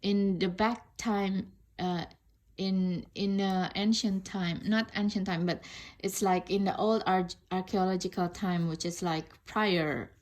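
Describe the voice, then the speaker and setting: A woman's voice: mid-range voice, steady tone, unhurried, a little mellow. A woman from Indonesia, not an English speaker, talking casually and thoughtfully in a tarot review, rambling with many fillers and restarts. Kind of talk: casual unboxing review talk.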